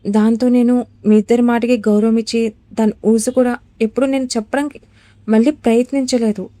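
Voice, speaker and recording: A woman's voice: a little high, level tone, brisk, mellow, dry recording, natural voice. A woman voicing a trembling, pleading young bride.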